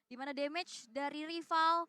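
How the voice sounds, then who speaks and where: An Indonesian woman working as an esports shoutcaster, giving live game commentary. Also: high-pitched, steady tone, moderate pace.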